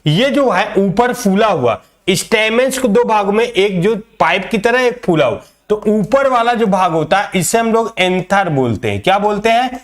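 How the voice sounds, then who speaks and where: A man's voice: sits high, lively intonation, normal speed, few pauses. A male biology teacher lecturing a class, showing a flower, repeating each term and quizzing his students. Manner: repeats key terms and quizzes students with "क्या बोलते हैं?"; calls students "बेटा", demonstrates with a flower.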